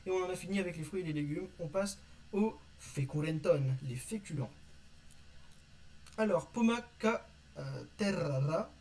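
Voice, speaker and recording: A man teaching vocabulary from an invented language in a casual lesson, reading word lists and pausing often with fillers. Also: a little high, darkish tone, poor audio. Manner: reads word lists, hesitant with many "euh". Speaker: conlang teacher.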